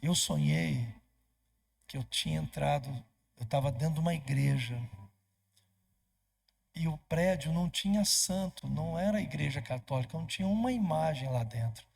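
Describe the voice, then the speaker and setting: Gravelly Brazilian pastor telling stories. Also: male voice, fairly high pitch, normal speed. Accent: Brazilian Portuguese. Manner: animated storyteller acting out quoted dialogue. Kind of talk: storytelling sermon. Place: church.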